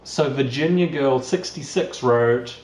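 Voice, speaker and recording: A man's voice: medium pitch, unhurried. A young man with a New Zealand accent, chatting casually and laughing easily as he reads out viewer comments for his vlog. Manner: chatty and relaxed, laughs easily, frequent fillers. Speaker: YouTuber reading viewer comments. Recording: roomy room sound with faint music. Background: faint background music.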